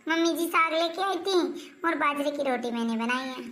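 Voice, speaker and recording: A woman's voice: high-pitched, moderate pace, fairly bright tone. A woman playing an overworked, aggrieved elder daughter-in-law in a family skit, complaining and nagging. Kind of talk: scripted family skit acting.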